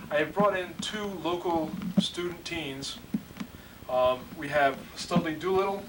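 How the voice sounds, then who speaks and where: A man's voice: on the high side, a bit bright. A man playing an earnest, bumbling anchor in a spoof newscast, stammering through his questions. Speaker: news anchor. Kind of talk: parody news anchor, amateur spoof newscast. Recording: distant mic, clear background noise, clicks.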